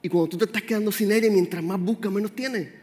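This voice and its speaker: A man's voice: high-pitched, quick pace, darkish tone. A man preaching a sermon, speaking directly and with animation to his congregation. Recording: roomy hall with faint music.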